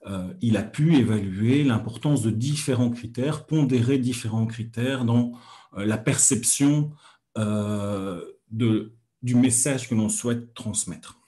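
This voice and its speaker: A man teaches hypnosis and communication on his own channel, in a mellow, warm tone. He speaks in a measured, soothing way, often pausing on filler sounds as he gathers his thoughts. His pitch sits in an ordinary middle range. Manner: hesitant, many filler pauses. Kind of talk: calm teaching talk on a livestream.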